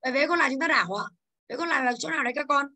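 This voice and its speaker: A woman teaching English pushes her students with fast questions and insists they talk up. She speaks in a high, bright, forceful tone.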